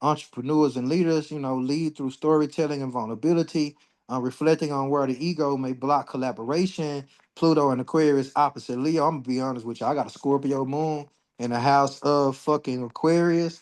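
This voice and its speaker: This fortysomething astrology livestream host has a medium-pitched, slightly mellow voice with fairly even intonation, and he speaks a little fast. His manner is casual and blunt, full of profanity, and he gets heated when ranting.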